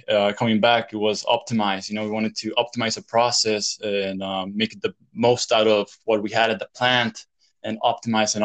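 A young man from El Salvador, a chemistry PhD student, answering interview questions in a hesitant way with many fillers and restarts. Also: on the low side.

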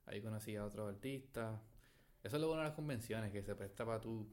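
A man from Venezuela, a tattoo artist, chatting as a guest on a podcast in a halting, easygoing way with many restarts. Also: fairly low pitch, darkish tone. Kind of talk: casual podcast chat.

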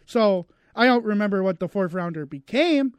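High-voiced man talking sports on radio. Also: animated, normal speed, clear, resonant tone, no echo. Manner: hesitant, restarts often. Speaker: radio co-host. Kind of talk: casual sports talk. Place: radio studio.

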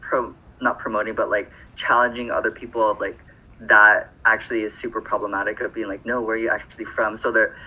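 On a lo-fi recording, a podcast co-host from Phoenix, Arizona rambles through casual talk, full of fillers and corrections to himself. His voice is on the low side and slightly rough, his delivery flat and a little fast.

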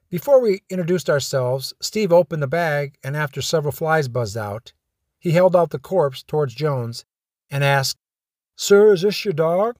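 A man's voice: a little high, dry recording. A man hosting a podcast, telling first-person stories of his police days with wry, dry humor. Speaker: podcast host and former police officer.

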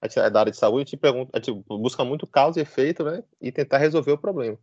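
A man chatting on a fan podcast, reasoning out loud in a relaxed, filler-heavy way. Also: mid-range voice, quick pace, no echo, lo-fi sound. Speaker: podcast co-host, football fan. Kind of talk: casual chat.

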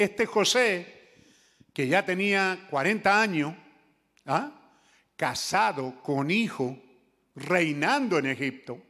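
A man's voice: high-pitched, fairly bright tone, long reverb tail. A man preaching a dramatic sermon, calling out to the congregation in the pews. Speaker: pastor. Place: church.

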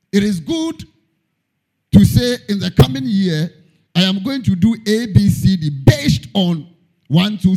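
A man's voice: high voice, a little mellow. A man preaching a sermon in church, emphatic, repeating key lines and singing out phrases. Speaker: pastor.

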